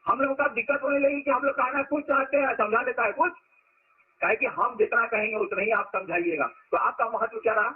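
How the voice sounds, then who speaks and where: A man's voice: very high-pitched, fairly quick, breathy edge. A man giving a spiritual discourse to followers, telling stories and stressing words to make his point. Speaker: spiritual teacher. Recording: lo-fi phone-like recording.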